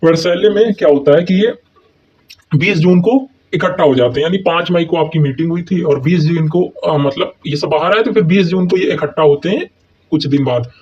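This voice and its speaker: A man goes through history exam notes like a teacher, posing questions and answering them himself. His voice sits fairly high. The recording is dull and lo-fi. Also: normal speed, darkish tone, slightly rough. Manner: keeps asking and answering his own questions, with many "thik hai" and "hai na" check-ins. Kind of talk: explaining exam notes in a mix of Hindi and English.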